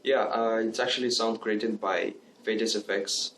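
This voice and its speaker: A man explaining a beatbox technique in a casual tutorial, halting with many fillers. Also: lowish voice, steady tone, fairly bright tone, slight background noise.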